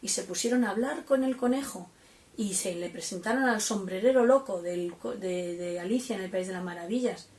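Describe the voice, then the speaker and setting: A woman's voice: medium pitch, normal speed, a little mellow. Lady teacher explaining to little kids, patient, asks them stuff, mid voice, echoey room, mic kinda far. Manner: patient, explains step by step, asks the class questions. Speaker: primary school teacher. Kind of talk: home-learning lesson for children. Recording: roomy, from a distance.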